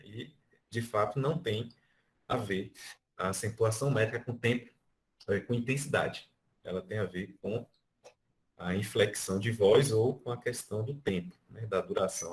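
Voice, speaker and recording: Brazilian man teaching music online. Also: lowish voice. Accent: Brazilian Portuguese. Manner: explains with counted beats and sung-out syllables. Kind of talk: online class review. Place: remote online class. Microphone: video call.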